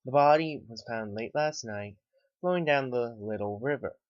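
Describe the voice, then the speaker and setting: A man voicing a male TV news anchor who gives a measured broadcast report. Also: mid-range voice, no room sound, natural voice. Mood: formal. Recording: dry, slightly dull lo-fi.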